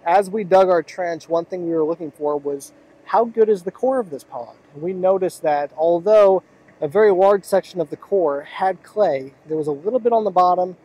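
Standing at an outdoor construction site by a pond, a young Oklahoma man who builds ponds walks through a renovation, earnest and explanatory, occasionally repeating words mid-thought. His voice is high and warm, but the audio is poor, captured on an arm's-length phone camera with clear noise from heavy machinery.

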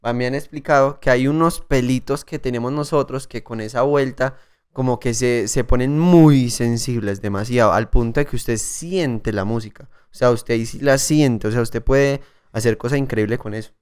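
A man, a podcast co-host chatting casually and explaining things in a relaxed way. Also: medium pitch, moderate pace, clean tone. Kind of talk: casual chat.

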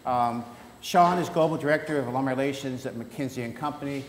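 A man's voice: medium pitch, a little fast. A man speaking on stage at a conference as interviewer, telling jokes and loose stories. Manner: joking, anecdotal, loose. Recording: echoey hall, noisy.

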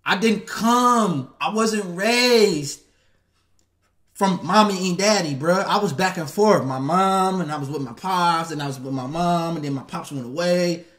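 A man's voice: high-pitched, unhurried, fairly bright tone. A man hosting a casual livestream and reading viewer messages, talking in blunt, profane street slang. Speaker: channel host.

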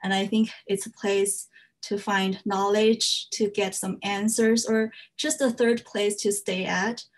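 This is an earnest English slide talk by a young Chinese fiber artist whose native tongue is Chinese. Her mid-range voice has fairly even intonation and a slightly slow pace, with plenty of "uh" fillers and grammar that is a little non-native.

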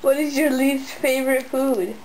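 A woman off camera asking brisk interview questions and calling for retakes. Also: high-pitched, steady tone, darkish tone, slight background noise, low-quality recording.

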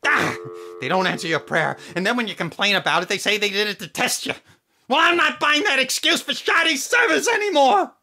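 A man's voice: high-pitched, animated, fast, gravelly, sharp tone, exaggerated voice. A man playing a hapless, cheeky monk who pleads and whines in a comic audio drama. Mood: desperate, frustrated.

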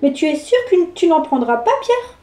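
A woman voicing a kindly, smiling grandmother who coaxes gently, in a storybook reading. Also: high-pitched, very animated, normal speed, distant mic. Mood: coaxing. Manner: warm and coaxing. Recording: echoey room.

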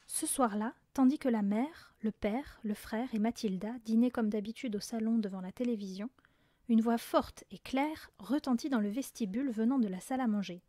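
A woman reading a children's story aloud in a lively, expressive way, close to the mic. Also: fairly high pitch, moderate pace, no room sound. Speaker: audiobook reader. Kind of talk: storybook narration.

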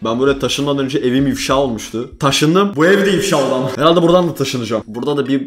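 A man's voice: mid-range voice, racing, soft background music. A young man from Turkey reacting to searches about himself in a casual vlog, joking and swearing freely. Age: young adult. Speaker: YouTuber.

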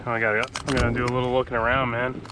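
He talks very fast with a completely flat delivery in a mid-range voice, against a noisy background. The speaker, in his thirties, is alone in a kayak on a calm open sea, relaxed and muttering to himself between casts. An action camera on the boat records it all.

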